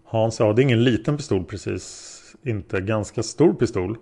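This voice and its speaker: A man reading the lines of a hesitant male taxi driver being questioned as a witness, in a plain, halting way. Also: fairly low pitch, creaky, mellow, breathy edge. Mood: unsure. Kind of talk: read-aloud interrogation transcript.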